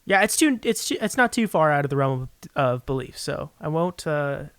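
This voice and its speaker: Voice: medium pitch, big pitch swings, moderate pace, fairly bright tone, no room sound. A podcast guest talking casually about a film, joking and laughing often.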